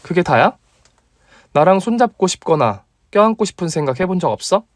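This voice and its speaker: A man's voice: high voice, sing-song, a little fast, no echo, voice pushed up. Man putting on a pushy, teasing young woman doctor, raised voice, dry close sound, radio story. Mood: bold teasing. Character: bold young woman doctor, blunt and tough.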